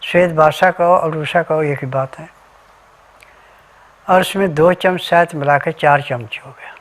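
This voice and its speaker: A man's voice: fairly high pitch, fairly even intonation, moderate pace. A man giving an instructional health talk as a remedy advisor, methodically listing ingredients and diet rules step by step.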